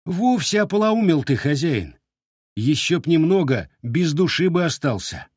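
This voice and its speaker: A man's voice: fairly high pitch, big pitch swings, unhurried, darkish tone, dry recording, clean studio sound, voice pushed up. A man voicing a stern, weary young monster hunter who scolds and explains firmly.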